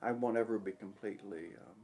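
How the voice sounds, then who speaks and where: An older man with an American accent, telling stories and reflecting plainly in a documentary interview, his sentences often trailing off softly. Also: on the low side, fast. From United States. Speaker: teacher.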